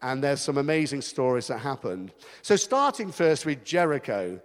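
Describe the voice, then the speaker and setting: A man's voice: mid-range voice, big pitch swings, moderate pace. A man preaching a sermon as pastor, chatty and self-mocking, in a church hall. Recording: long hall reverb.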